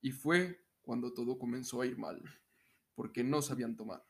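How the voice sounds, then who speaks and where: A young Mexican man co-hosts a podcast, chatting comedically and reading stories in a casual way. His mid-range voice is fairly bright and moderately paced, and he jokes a lot, laughing easily mid-sentence.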